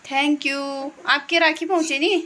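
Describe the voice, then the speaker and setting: Bright high-voiced Pahadi woman vlogger. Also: a little slow, a little hiss or hum. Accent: Uttarakhand Pahadi. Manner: lively, teasing and chatty. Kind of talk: casual family vlog chat.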